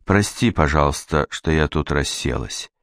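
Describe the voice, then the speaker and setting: A shy, earnest young queen who speaks quickly and apologetically, as a male narrator reads her. The voice stays very deep and only lifts a little for her. It is recorded close and dry. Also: expressive, vocal fry, fairly bright tone, dry recording, heavily acted. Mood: sheepish. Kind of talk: audiobook character reading.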